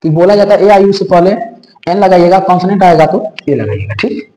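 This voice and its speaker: A man's voice: sits high, very animated, brisk, warm tone, roomy sound, rough recording. A man teaching an English grammar lesson, repeating points and checking in with the listeners often.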